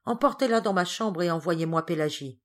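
A woman's voice: fairly low pitch, fairly quick, natural voice. A woman voicing a proud, scornful governess cousin in an audiobook. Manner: scornful, reproachful.

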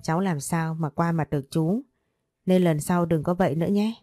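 A woman's voice: lowish voice, normal speed, dark tone, no room sound, clean studio sound, faint music behind, lightly acted. Woman reading as a doting possessive older lover. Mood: scolding tenderly. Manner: tender, teasing, bossy.

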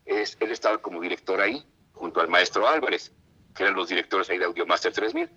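A middle-aged man with a Mexican accent, a voice actor telling lively stories as a radio interview guest and acting out what others said. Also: low voice, fast talker, breathy edge, muffled recording. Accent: Mexican Spanish. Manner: animated, acts out quoted voices.

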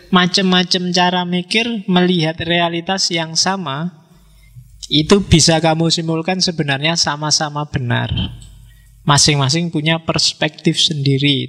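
A man's voice: a little high, fairly bright tone, long reverb tail. A man giving a casual public lecture on philosophy, talking conversationally and asking the audience rhetorical questions.

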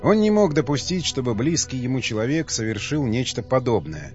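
A man narrating an audiobook with a steady, expressive reading. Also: medium pitch, fairly quick, faint music behind. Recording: dull dry lo-fi sound.

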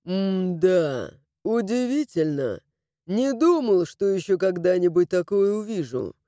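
A woman reading an audiobook, voicing a mocking male dragon who looks like a big crow, in a slightly lowered, drawling voice. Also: big pitch swings, takes it slowly, warm tone, no echo, clean studio sound. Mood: sardonic.

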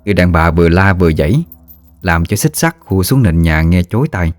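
A man narrating a ghost story in a steady, measured storytelling voice. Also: sits low, no room sound, soft background music.

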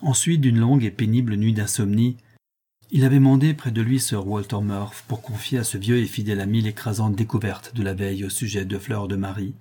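Husky, mellow male audiobook narrator. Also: fairly low pitch, steady tone. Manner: measured storytelling. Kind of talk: scripted narration.

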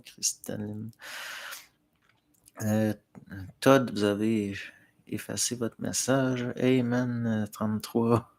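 Talking to his livestream chat, this middle-aged Québécois French speaker rambles hesitantly through viewer comments, restarting often and leaning on fillers. His voice sits on the low side and sounds creaky.

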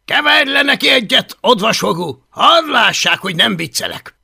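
A man reading an audiobook and voicing a bossy, loud teenage Viking boy who bullies the others and shouts his orders. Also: very high-pitched, animated, vocal fry, husky, voice pushed up, heavily acted. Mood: bossy shouting. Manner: shouting, domineering.

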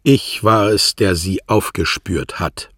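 A man reads the part of a stern police inspector in a radio drama, pressing hard with firm questions. The voice sits deep and sounds husky. It is recorded close and dry. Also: lively intonation, slow pace, dry recording, heavily acted. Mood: forceful.

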